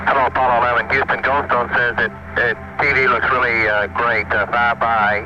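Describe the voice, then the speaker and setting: A man's voice: mid-range voice, level tone, brisk, music in the background. A man speaking in procedural, clipped phrases over a two-way radio, as a spaceflight communicator in a radio exchange. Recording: muffled, noisy 1960s space radio transmission. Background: loud radio static and hiss.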